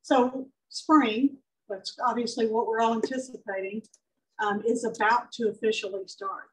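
Middle-aged Texan woman, conversational co-presenter, slightly high voice, distant room sound. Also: fairly even intonation. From southeast Texas. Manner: conversational, quick agreeing interjections. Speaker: beekeeping presenter. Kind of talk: club presentation talk. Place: large meeting hall with projector.

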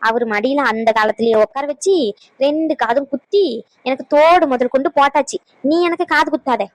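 A woman plays a sarcastic old grandmother in a cartoon. She talks fast in a high voice and scolds her grandson. The sound is dry and close. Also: no echo, natural voice, poor audio. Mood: scolding.

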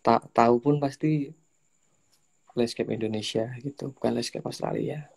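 A young man, hosting a casual interview in a relaxed, joking way. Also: medium pitch, moderate pace, creaky. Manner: relaxed, joking, slips into Javanese slang. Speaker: host.

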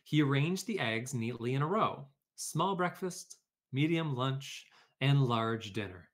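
A man with a mid-range, fairly bright voice leads a children's read-aloud lesson, reading a story and giving informal classroom instruction. He talks conversationally to pupils and teachers.

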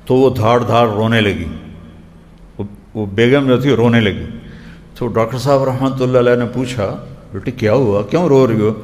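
A man preaching a religious sermon, telling stories and slowing down to recite quotations in short repeated phrases. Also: mid-range voice, darkish tone. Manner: storytelling, slows down to recite quotations. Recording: long hall reverb.

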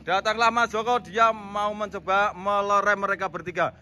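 A man's voice: high-pitched, fairly even intonation, normal speed, bright, forceful tone. A man, narrating a comedy skit and directing his team, often laughing as he talks. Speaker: director of an acting challenge.

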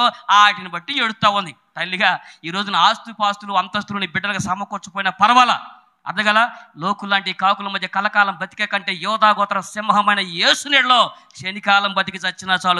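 A middle-aged male preacher, delivering a sermon with sudden shouted bursts and chatty storytelling. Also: high voice.

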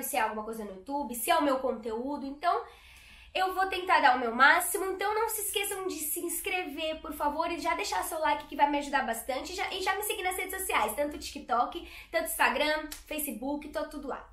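A woman's voice: high voice, animated, fast talker, fairly bright tone. Bubbly young woman hosting a vlog. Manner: bubbly and teasing. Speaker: voice actress and channel host. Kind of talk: casual chat. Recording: echoey room.

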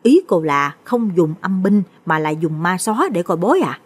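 A woman voicing a bewildered older woman who keeps asking questions, in a low, breathy voice. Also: sing-song, moderate pace. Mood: puzzled. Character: puzzled older woman visitor.

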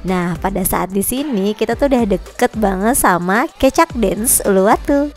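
A woman's voice: mid-range voice, animated, normal speed, a little mellow, soft background music. Chatty woman travel vlogger. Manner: chatty, addresses viewers as guys. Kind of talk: travel vlog voice-over narration.

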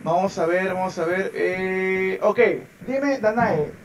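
A high-voiced man, an English teacher, runs a class over a video call and drills each word with patient repetition. He speaks slowly and deliberately. His voice sounds a little distant from the mic, with faint noise behind it. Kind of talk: online class.

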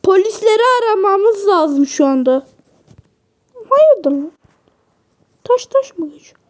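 A woman hosting a gaming video, giving excited gameplay commentary with loud taunts and rough slang. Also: very high-pitched, slow pace.

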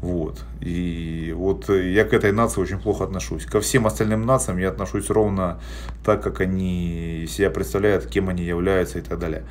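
A man in his forties answers viewer questions bluntly on a casual live stream from a small indoor room, with frequent hesitation sounds. His voice is low, with fairly even intonation at normal speed, picked up by a phone held at arm's length with a little hiss or hum.

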